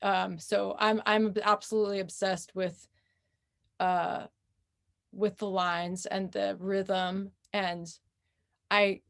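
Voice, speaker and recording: An American woman author speaking in a conversational interview, thoughtful and unhurried, pausing often with fillers. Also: medium pitch, flat delivery, gravelly. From United States. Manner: thoughtful, with frequent pauses and fillers.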